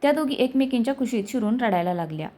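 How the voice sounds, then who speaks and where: A woman reading a family story aloud in a steady, even narration. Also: on the high side, fast talker.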